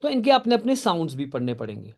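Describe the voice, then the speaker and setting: A man's voice: a little high, wildly swooping pitch, fast, gravelly, darkish tone. A male teacher lecturing a live class, explaining step by step, often checking that students follow, and praising their answers. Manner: addresses students by name and answers their typed questions.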